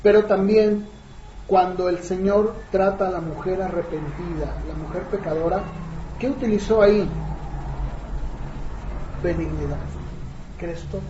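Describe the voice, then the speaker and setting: A man's voice: sits high, a little slow, pauses often, noisy background. A man preaching a conversational sermon, often asking the congregation rhetorical questions. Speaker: pastor. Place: church hall. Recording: echoey, dull lo-fi church room recording.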